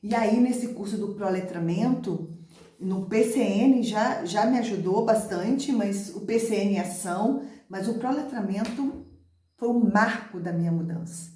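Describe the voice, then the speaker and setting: A woman's voice: medium pitch, measured pace, mellow. A middle-aged Brazilian woman teacher talking to viewers about how she learned to read and about literacy methods, emphatic and repeating key words. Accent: Brazilian Portuguese. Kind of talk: personal talk to camera on teaching methods. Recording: echoey room.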